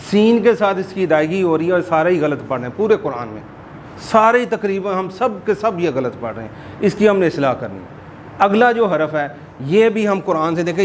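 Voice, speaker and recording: A man teaching a Quran class, explaining and slowly repeating words to demonstrate correct pronunciation. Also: a little high, slight background noise. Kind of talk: informal religious class lesson.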